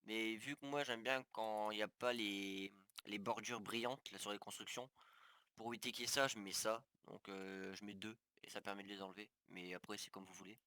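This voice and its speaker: A man's voice: on the low side, steady tone, a little fast, pushed and bright, smooth, no room sound. Hesitant man explaining game settings. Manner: hesitant, many fillers and restarts; talks viewers through steps on screen. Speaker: gaming tutorial youtuber. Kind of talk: casual screen-recorded tutorial.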